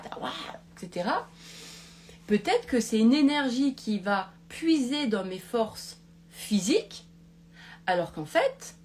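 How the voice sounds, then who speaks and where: A woman's voice: mid-range voice, slight background noise. A woman hosting a live talk, rambling with many restarts and checking in with "d'accord?". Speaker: podcast host. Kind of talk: casual live-stream talk.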